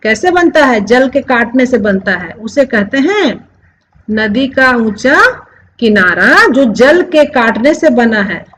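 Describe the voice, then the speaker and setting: Slow, lively Hindi teacher woman. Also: on the high side, slight background noise, low-quality recording. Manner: explains slowly, repeats words over and over; addresses viewers as friends, asks questions. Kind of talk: classroom-style lesson.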